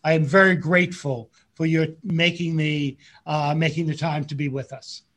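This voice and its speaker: A middle-aged man, a priest, hosting a radio interview in a halting way, with many fillers and repeated words. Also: fairly high pitch, steady tone, fairly bright tone. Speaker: radio show host, priest.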